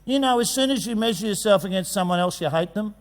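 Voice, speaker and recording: A man gives a jokey, animated talk at a conference, acting out kids' voices. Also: sits high, fast talker. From Australia. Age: 50s. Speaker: conference speaker. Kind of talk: energetic presentation. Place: large conference hall. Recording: long hall reverb.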